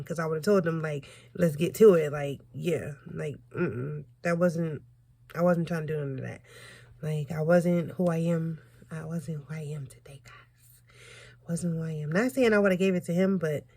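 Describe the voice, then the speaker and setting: A woman's voice: low-pitched, creaky, darkish tone, dry recording. A young woman telling a casual personal story in a conversational, profane, slangy way, acting out what people said as she goes. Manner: acts out quoted dialogue. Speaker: storytelling vlogger.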